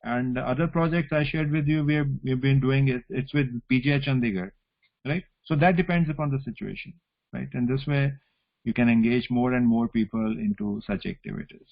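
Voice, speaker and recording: A man's voice: mid-range voice, animated, fairly quick, creaky. A male academic with a North Indian accent explains things informally in an online teaching session. His phrases often end in small checking tags. The sound is a little dull, like call audio. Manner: explanatory, often adds "you know" and "right?" as tags. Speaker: academic lecturer. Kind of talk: informal online lecture with question and answer.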